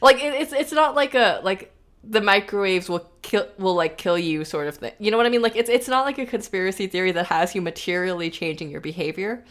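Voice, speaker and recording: A woman hosts a casual podcast chat, rambling from one thought to the next. She laughs easily and talks about herself with a self-deprecating edge. Her voice sits at a middle pitch. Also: fairly quick. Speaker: podcast host.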